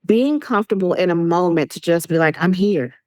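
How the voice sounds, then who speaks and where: A woman speaking as an interview guest, an animated storyteller who acts out quoted voices and laughs often. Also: fairly low pitch, fairly quick, dry recording, poor audio. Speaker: guest, public speaker and coach. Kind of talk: podcast interview conversation.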